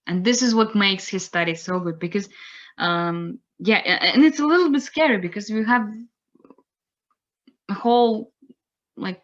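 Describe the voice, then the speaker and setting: Young woman w/ lecturing over a video call, slow and searching for words, kinda muffled audio. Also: medium pitch, fairly bright tone. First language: Russian. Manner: unhurried, pausing to search for words. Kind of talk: online lecture. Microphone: computer mic on a video call.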